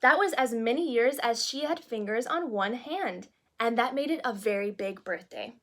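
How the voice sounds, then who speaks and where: A woman performs a children's book as a princess, her fairly high, fairly bright voice animated at a normal pace. She narrates expressively and speaks little asides to the children.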